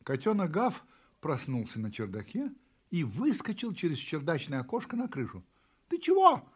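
A man reading a children's story aloud with expressive, animated storytelling. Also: on the high side, normal speed, breathy edge. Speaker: narrator.

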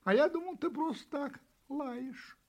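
A man voicing a curious young male kitten in a storybook reading, high and childlike. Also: a little slow. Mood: surprised.

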